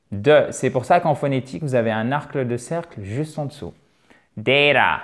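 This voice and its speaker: A man teaching vocabulary, chatty and encouraging, slowing down to exaggerate pronunciation drills. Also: a little high. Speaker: English teacher. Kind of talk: vocabulary lesson.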